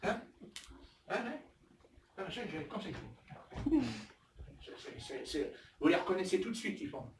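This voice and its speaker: A man in his sixties preaching a lively sermon, acting out little scenes and asking "hein?" often. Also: sits high, a little slow, long pauses, slight background noise. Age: 60s. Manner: animated, acts out little scenes in put-on voices, asks "hein?" often. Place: church hall. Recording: echoey hall, voice from far off.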